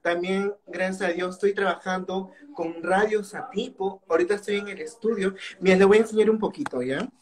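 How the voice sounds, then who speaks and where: Man, interview guest, fast and playful, radio announcer flair, video call. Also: high voice. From Peru. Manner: quick, playful, slips into a bright announcer voice. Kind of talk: casual interview chat.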